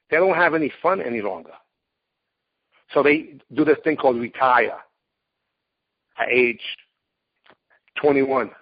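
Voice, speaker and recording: Speaking bluntly and with emphasis, a martial arts competitor and teacher in his late forties tells his story during an interview. His medium-pitched voice carries a breathy edge, captured in a dull, lo-fi recording.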